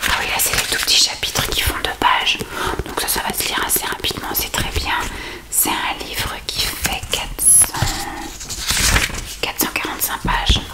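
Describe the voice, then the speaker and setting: A woman speaks in a soft, hushed library whisper, chatting casually about books and reading aloud in an unhurried ASMR style. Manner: unhurried, reads blurbs aloud between casual remarks. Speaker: ASMR host showing books. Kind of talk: whispered ASMR book chat.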